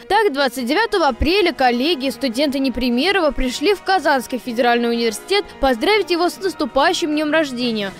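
Woman reporter, high voice, steady scripted narration, faint music underneath. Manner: steady, even read. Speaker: news reporter.

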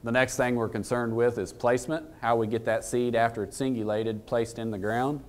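An equipment dealer in his thirties talks shop casually before a conference-room crowd, his medium-pitched voice level and moderately paced. He keeps it plain and folksy, regularly asking the audience questions.

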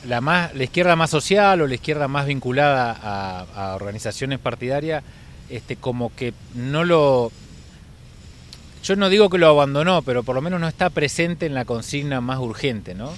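A male interviewer speaks at an ordinary pitch, feeling his way through a question with halting restarts. Faint outdoor noise sits behind him. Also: animated. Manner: searching, hesitant phrasing.

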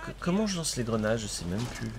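A man's voice: medium pitch, sing-song, fast, gravelly. A man streaming a video game with his cousin, chatting casually, exclaiming at the action and laughing often. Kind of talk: casual gaming commentary.

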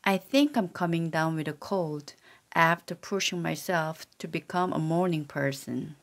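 This is a synthetic text-to-speech voice of a woman, low-pitched and unhurried, working through repeated sentences for language practice. She reads them out evenly and with care.

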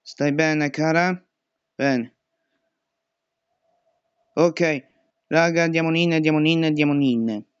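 A man's voice: on the high side, very slow, pauses often, smooth, no echo, lo-fi sound. A young man commentating a horror game, panicking and swearing at every scare. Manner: panicky, swearing and shouting at jumpscares. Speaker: gaming youtuber.

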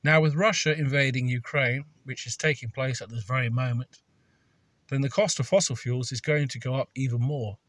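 A man's voice: mid-range voice, steady tone, normal speed, a bit bright, no echo. A man reading a scripted voice-over with dry, sardonic humour. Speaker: video narrator.

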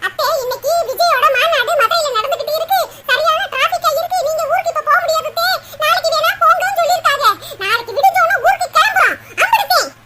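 A performer voicing a bossy, taunting older mother-in-law in a cartoon, with loud clicking noise behind the voice. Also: extremely high pitch, fast talker, few pauses. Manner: taunting, boastful.

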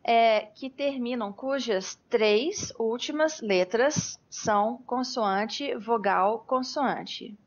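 A woman's voice: on the high side, drawn-out words, hardly any pauses. A Brazilian woman co-hosting a podcast lesson, laying out English spelling rules precisely and spelling words letter by letter. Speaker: English teacher, podcast co-host. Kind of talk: conversational teaching podcast. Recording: muffled online call audio.

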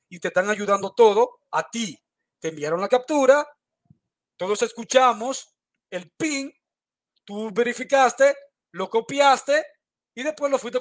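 A man with a fairly high voice argues hard in an online debate. He throws out challenges, accuses his opponent and repeats his points again and again. He talks over what sounds like a video call.

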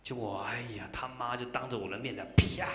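A man's voice: medium pitch, steady tone, quick pace, sharp tone, slight background noise. A middle-aged man, a Buddhist monk, giving a dharma talk full of personal stories, emotional and acting out the dialogue. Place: temple lecture hall. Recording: roomy hall echo.

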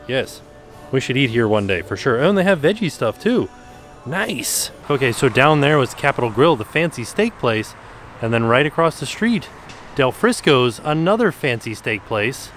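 A man vlogging casually, chatting enthusiastically about menus and food as he walks around. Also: mid-range voice. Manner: chatty, enthusiastic food commentary with frequent "ooh". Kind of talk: casual vlog narration. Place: outdoor shopping plaza and indoor restaurant.

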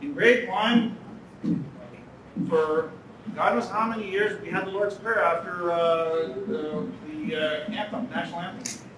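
A conference speaker from Toronto, Canada, lectures earnestly at a podium inside a large banquet hall, going back over key lines for emphasis. He speaks at a measured pace in a high-pitched, slightly bright voice. The distant podium mic yields an echoey recording with faint hiss or hum.

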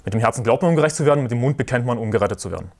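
A man preaching a sermon in a forceful, combative way, repeating his points and references. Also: medium pitch, lively intonation, rapid-fire.

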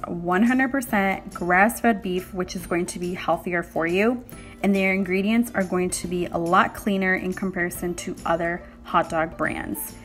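A woman's voice: lowish voice, fairly bright tone. A woman vlogger giving a chatty, upbeat voice-over for a grocery haul video, laughing lightly now and then.

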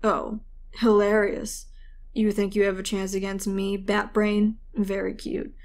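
A woman's voice: mid-range voice, completely flat delivery, unhurried, darkish tone, slight background noise, lightly acted. Brief: sneering smug male rat shifter, dry mockery, read by a woman narrator. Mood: mocking. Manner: mocking, dry.

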